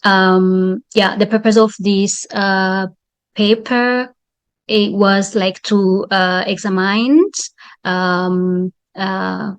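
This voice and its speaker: A woman from Ethiopia presenting her research on a video call, halting with frequent fillers and restarts. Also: medium pitch, steady tone, smooth. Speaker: presenting fellow.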